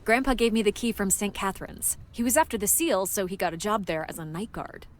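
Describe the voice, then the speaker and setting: A woman's voice: mid-range voice, lively intonation, brisk, close to an everyday voice. A woman voicing a determined young female adventurer in a point-and-click game. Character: young woman adventurer hunting a lost crown.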